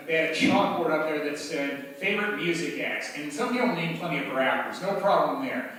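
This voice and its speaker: A man with an Upper Midwest American accent doing a rambling, halting spoken-word monologue at a bar open mic, full of fillers and dry asides. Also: on the high side, fairly bright tone, slight background noise. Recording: echoey bar room, mic at a distance.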